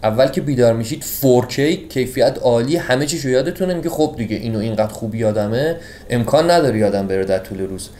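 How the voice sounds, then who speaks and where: A man casually summarizing a book for his audience, chatty and jokey, swinging between loud and hushed delivery. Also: medium pitch, roomy sound, a little hiss or hum.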